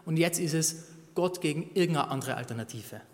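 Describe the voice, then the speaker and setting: A man's voice: on the high side, expressive, brisk, big-room sound. A man preaching a sermon, reading scripture aloud and then explaining it earnestly, often restarting his words. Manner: frequent restarts and repeated words.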